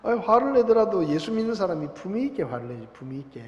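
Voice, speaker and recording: A man's voice: sits high, very animated, fast. A man preaching a sermon in a church, emphatic and putting questions to his congregation. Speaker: pastor. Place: church sanctuary. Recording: echoey dull church recording.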